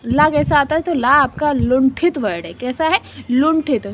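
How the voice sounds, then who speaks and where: A high-pitched woman teacher leads an exam-prep lesson and keeps asking and answering her own questions. She sounds out syllables again and again as she explains, with English words mixed into her talk. Faint noise hums behind her. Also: lively intonation, normal speed. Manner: repeats syllables to demonstrate sounds; mixes English words into Hindi.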